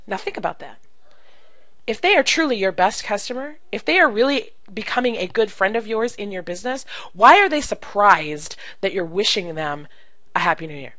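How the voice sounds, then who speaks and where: A woman coaching direct sales in an animated, emphatic way, acting out phone calls as she teaches. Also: medium pitch, normal speed, no room sound, rough recording. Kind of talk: coaching video talk to camera.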